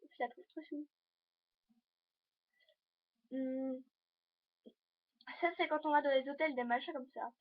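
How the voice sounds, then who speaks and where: A woman's voice: high-pitched, fairly even intonation, slow pace, pauses often. A teenage girl chatting in a casual fashion vlog, rambling and hesitant as she shows items to her viewers. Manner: talks to the viewers while showing items. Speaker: vlogger. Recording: dull lo-fi home video recording.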